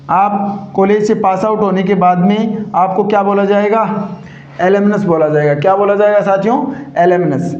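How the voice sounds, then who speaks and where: A man's voice: high-pitched, darkish tone. A male teacher giving a grammar lesson, constantly asking questions and repeating the answers. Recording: echoey room, dull lo-fi sound.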